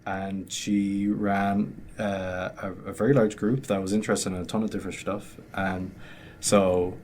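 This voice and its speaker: Low and unhurried, with little pitch movement and a slightly mellow tone, the voice belongs to a twenty-something Irish graduate student chatting as an interview guest. There's a faint hiss or hum, and his speech meanders through many fillers and restarts.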